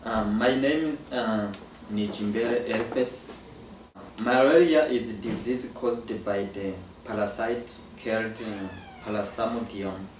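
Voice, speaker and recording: A man explains facts in a slow, deliberate way. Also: fairly low pitch, slight background noise. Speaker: interviewee. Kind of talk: explanation for a documentary. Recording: echoey room, distant mic.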